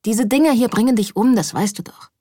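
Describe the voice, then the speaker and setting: A skeptical, weary woman photographer, as the reader puts her on. Her lines rise a little above the narration, husky and incredulous. The sound is dry and close. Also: on the high side, fairly quick, dark tone, dry recording, voice pushed up.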